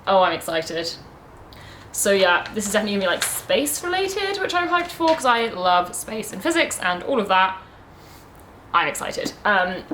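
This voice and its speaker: A woman's voice: medium pitch, a bit bright, slight background noise. Chatty woman rambling about books. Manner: chatty, rambling, many "like" and "um" fillers. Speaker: book vlogger. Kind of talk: casual reading vlog chat.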